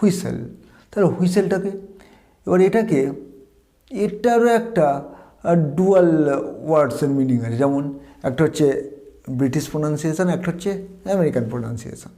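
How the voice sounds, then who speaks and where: A man with a Bengali accent teaching English pronunciation in an online lesson, slowing down to drill words and example sentences. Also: a little high, mellow.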